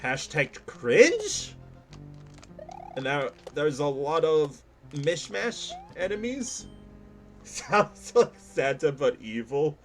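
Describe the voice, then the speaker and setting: A man giving casual gameplay commentary as a streamer, animated and self-mocking, laughing often. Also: a little high, slow, faint music behind.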